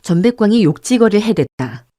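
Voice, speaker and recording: A woman narrating an audiobook in a calm, measured storytelling manner. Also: medium pitch, no echo, studio quality. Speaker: audiobook narrator and channel host.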